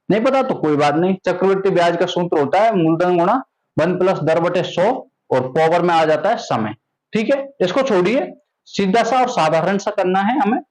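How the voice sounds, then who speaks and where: A man's voice: sits high, low-quality recording. A young man teaching a maths lesson, keeps asking questions, then answers them himself.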